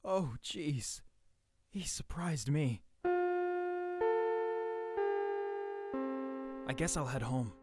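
A woman's voice: low-pitched, animated, slow pace. A woman voicing an earnest, easily flustered teenage schoolboy in an overacted anime fan dub. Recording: loud music behind the voice. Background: instrumental music.

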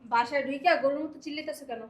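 Brief: actress as the complaining elder sister-in-law; high, fast, sharp. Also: female voice, fairly even intonation, close to an everyday voice. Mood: curt. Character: bitter sister-in-law, elder brother's wife. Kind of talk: village family drama acting.

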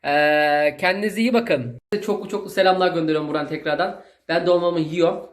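A man's voice: fairly high pitch, a little fast, echoey room, a little hiss or hum. A man with a Zonguldak Turkish dialect, chatting casually and folksily to his viewers as a cooking vlogger. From Zonguldak, Turkey. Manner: folksy, rambling, with long shout-outs to viewers. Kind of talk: casual chat to camera.

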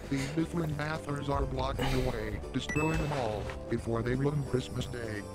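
A man's voice: medium pitch, moderate pace, natural voice. A man voicing a goofy male cartoon character who chants and grumbles, with faint music behind.

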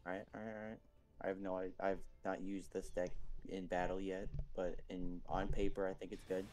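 A man's voice: low-pitched, flat delivery, moderate pace, a little mellow, soft background music. A young man chatting casually with a friend while gaming, laid-back and swearing now and then.

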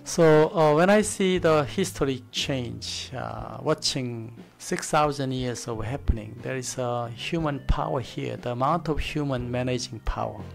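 A middle-aged man with a Korean accent, a native Korean speaker giving an informal, reflective presentation in halting English at a desk microphone. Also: mid-range voice, creaky, faint music behind. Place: studio desk with a virtual set. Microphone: desk gooseneck microphone.

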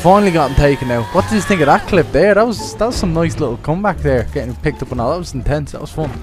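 Excited streamer man on a headset mic. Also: on the high side, fast, over music. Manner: excited reactive exclamations and swearing. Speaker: streamer playing a shooter game. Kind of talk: live gameplay commentary.

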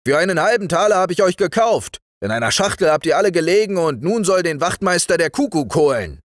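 A man's voice: high-pitched, sing-song, fairly quick, no echo, studio quality, pitched above the performer's own voice. Man putting on a stern forester, raised strict voice, storybook. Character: stern adult male forester.

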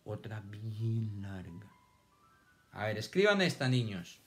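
Speaking in a lowish, sing-song voice with a slightly bright quality, a man gives children an online reading and spelling lesson. He says words slowly, splits them into syllables, and offers praise, with soft music playing in the background.

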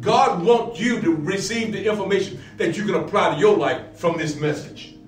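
A man's voice: sits high, normal speed. A middle-aged man, a pastor, teaching a Bible lesson, repeating phrases and building to emphatic peaks. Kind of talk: sermon-style Bible lesson. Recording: roomy, distant echo with faint music.

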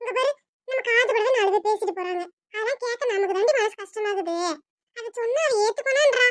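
A woman's voice: very high voice, a little fast, no echo, clean studio sound. A woman voicing a bossy, scolding middle-aged mother-in-law with a Tirunelveli Tamil accent. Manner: scolding, sharp-tongued.

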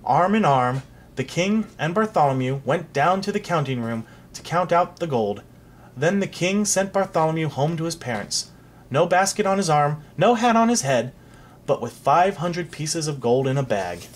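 A reader narrating a storybook aloud for a child in an expressive, animated way. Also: medium pitch, normal speed.

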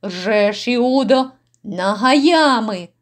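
A woman's voice: on the high side, expressive, drawn-out words. Woman doing jeering drunken noblemen. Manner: gruff, jeering shouts. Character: rowdy, brutal drunken noblemen, men.

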